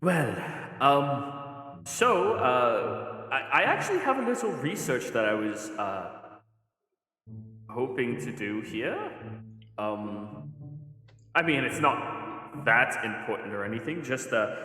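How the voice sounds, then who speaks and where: A man's voice: mid-range voice, big pitch swings, sharp tone. Guy doing rpg roleplay, stop-start talking, echoey and a bit far from the mic. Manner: hesitant, halting. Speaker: tabletop game player or game master. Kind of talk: in-character tabletop role-play chat. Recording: roomy long reverb, distant mic, music underneath.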